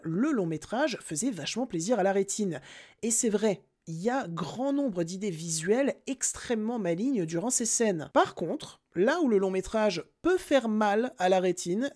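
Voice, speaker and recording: A young man giving a casual, animated and emphatic film review on his podcast. He talks straight to his listeners. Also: high-pitched.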